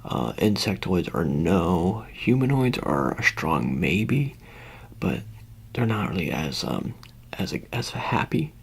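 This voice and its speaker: Close to the mic, a man improvises an ASMR roleplay in whispers and soft speech, rambling and hesitant with a deadpan delivery. His voice sits low, creaky and slightly rough, at a slow pace.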